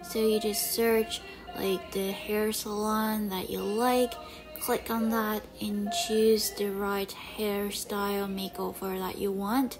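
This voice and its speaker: Young woman, chatty vlog voiceover, says like a lot, slow easy pace. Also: medium pitch, level tone. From Korea. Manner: chatty, loose with fillers like "like" and "you know". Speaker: vlogger. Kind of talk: casual vlog narration. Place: bright home studio, indoors, then voice-over. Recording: talk over loud background music.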